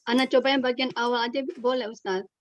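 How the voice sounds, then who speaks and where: A woman's voice: a little high, steady tone, quick pace, dry recording. A woman student politely asking permission over an online class call, her voice breaking up from a bad connection. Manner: polite, asks permission hesitantly. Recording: dull lo-fi dry call audio.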